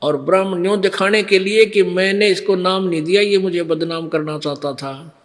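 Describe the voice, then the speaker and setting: A man preaching a devotional sermon, telling a story and acting out what the figures say. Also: sits high. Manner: slow storytelling that acts out the figures' lines.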